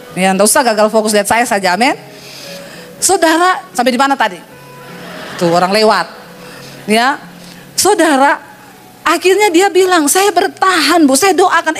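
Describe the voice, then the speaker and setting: A woman pastor preaching a sermon with a lively storytelling manner, teasing her congregation. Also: high-pitched.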